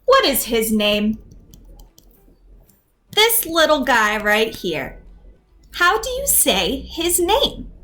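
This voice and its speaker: Reading a picture book to young learners, a young female teacher speaks slowly and with lots of expression, performing the sound effects and then posing simple questions. Her voice sits high.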